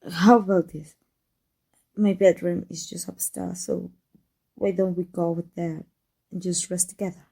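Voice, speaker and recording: This is intimate ASMR roleplay acting: a female voice actor voices a guarded villainess who loves her rival, in a soft, affectionate mood. Her lowish voice sounds very dark and soft, with breathy husk and a bit of creak. She speaks haltingly and flatly, yet with tender emotion.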